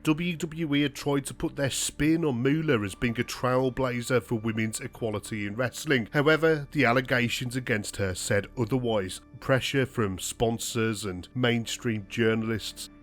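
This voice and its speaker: Measured male documentary narrator. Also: mid-range voice, soft background music. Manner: measured, even storytelling. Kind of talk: scripted narration.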